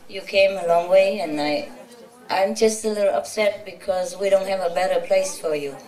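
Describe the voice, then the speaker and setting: A woman's voice: mid-range voice, moderate pace, a little mellow. A woman spiritual teacher giving an informal, chatty talk to a gathering, teasing and laughing often. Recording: roomy, from a distance.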